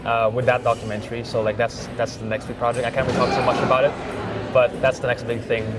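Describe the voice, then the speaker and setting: A man's voice: mid-range voice, monotone, quick pace. A young man, a filmmaker guest, talking in a casual interview with lots of "like" fillers. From Thailand. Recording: music playing behind.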